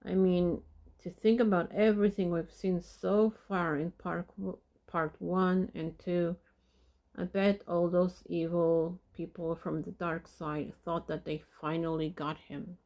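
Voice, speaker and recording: Woman podcast host, slow deliberate talk, gravelly fry, hesitant with fillers, dry sarcasm. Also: on the low side, flat delivery, darkish tone. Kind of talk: casual commentary on a documentary.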